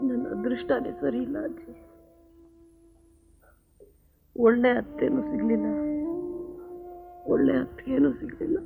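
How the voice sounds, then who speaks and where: A woman's voice: on the high side, moderate pace, lightly acted. An actress playing a weary young new mother who talks in a plaintive, resigned way in a TV serial. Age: young adult. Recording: tinny sound with music behind.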